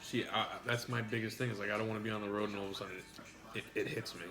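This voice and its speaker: A truck driver and adult parent hosts a mukbang, chatting bluntly and teasingly over a meal while swearing freely as his nose starts to run. His fairly low voice stays level but moves very fast. Music plays in the background.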